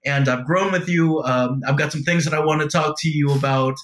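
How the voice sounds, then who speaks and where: A man's voice: on the high side, fairly even intonation, brisk, a bit bright. A man hosting a podcast interview, talking in a loose, friendly, rambling way with plenty of fillers. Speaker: podcast host. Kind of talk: casual conversational interview. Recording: echoey room.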